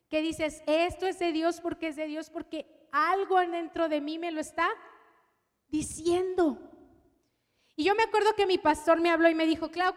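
A woman preaching a personal testimony, telling her story with strong emotion and dropping to a hush at tender moments. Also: very high-pitched, big-room sound. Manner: emotional storytelling, shifts from loud to hushed. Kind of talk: testimony sermon.

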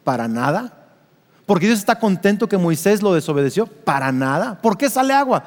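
Preaching with animation, this middle-aged Mexican-accented pastor tells a personal story in his sermon, playing out scenes and putting questions to the congregation. His voice sits high at a moderate pace, trailed by long reverb.

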